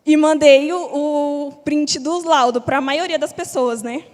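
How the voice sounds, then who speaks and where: A young woman tells her personal testimony in a high, bright voice. She talks candidly, with plenty of casual slang. Her voice rings with the long reverb of a big church hall. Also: fairly even intonation, slow. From Brazil. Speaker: church member giving testimony.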